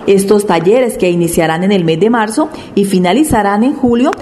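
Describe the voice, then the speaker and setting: News reader: woman, formal and measured, faint background hiss. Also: medium pitch, darkish tone. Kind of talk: read news bulletin.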